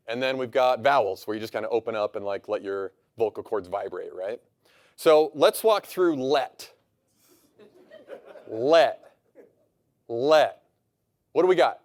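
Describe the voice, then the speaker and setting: A man in a played clip giving a playful, animated explanation, demonstrating sounds as he goes. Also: medium pitch. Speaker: programmer explaining a point.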